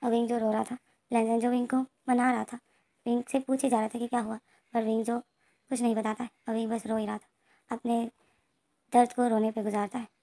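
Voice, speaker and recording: A woman's voice: a little high, level tone, fairly quick, warm tone. A woman casually retelling a fan story, rambling with restarts and reading out characters' lines.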